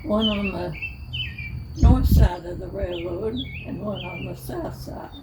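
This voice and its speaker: A very old woman, over a hundred, reminiscing in an aged voice, speaking haltingly in short broken phrases. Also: medium pitch. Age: 105, very old. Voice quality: aged, elderly voice. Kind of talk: unscripted reminiscing about the old days. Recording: distant mic, noisy, birdsong behind.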